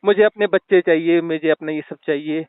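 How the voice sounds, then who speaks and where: A man's voice: a little high, steady tone, brisk, clean tone, no room sound, lightly acted. A man voicing a male god cursed into a pig who begs, over and over, not to be killed, heard over a tinny phone-like line. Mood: pleading. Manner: begging, repeating himself.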